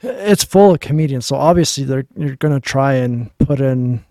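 A man co-hosting a podcast, talking casually about films in a measured, hedging way. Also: medium pitch, dark tone, no echo, studio quality. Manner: measured, hedging with fillers like "I mean". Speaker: podcast co-host. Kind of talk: casual film discussion.

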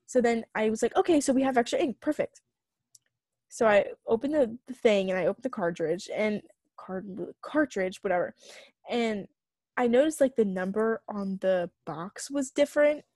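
A young woman co-hosting a podcast, telling a long story in casual chat, full of fillers and animated retellings. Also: medium pitch, moderate pace, no echo. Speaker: podcast co-host.

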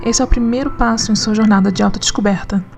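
A woman narrating a scripted essay in an analytical, conversational way with lively asides. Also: on the high side, fast talker, gravelly, faint music behind. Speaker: narrator and writer.

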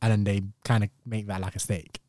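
A man's voice: on the low side, level tone, fairly quick, mellow, no room sound, studio quality. A British man with an urban southern English accent, hosting a podcast in casual, slangy, laid-back chat. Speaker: podcast host, music producer and MC.

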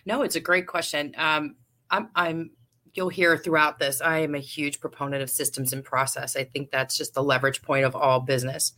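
Low-pitched woman guest; frank, chatty business owner talking shop casually. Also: flat delivery, moderate pace, bright, forceful tone. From Ohio, USA. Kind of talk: casual interview answers.

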